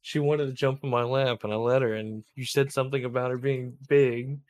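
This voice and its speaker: A man's voice: medium pitch, steady tone, brisk. A man sitting in on a casual interview, chiming in with jokes. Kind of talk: casual chat.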